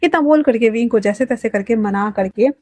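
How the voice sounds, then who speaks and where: A woman reading a fan fiction story aloud in a chatty, animated way. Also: on the high side, a little fast, no echo.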